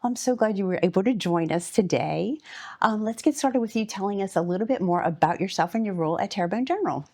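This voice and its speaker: A woman hosting a health podcast interview, asking questions and adding quick affirmations. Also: medium pitch, lively intonation, darkish tone. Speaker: podcast host.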